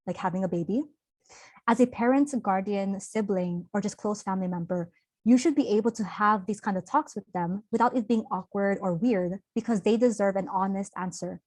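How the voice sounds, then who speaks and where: A young woman presenting an online workshop speaks earnestly and fairly quickly, open and conversational, with easy fillers. Her pitch is ordinary and middling, her tone somewhat dark. The audio is close and dry like a video call, with no room sound.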